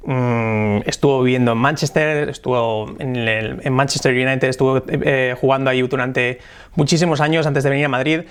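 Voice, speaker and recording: A man with a Spain Spanish accent, teaching English pronunciation in a video lesson and slowly demonstrating English phrases. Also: mid-range voice, fairly even intonation, smooth.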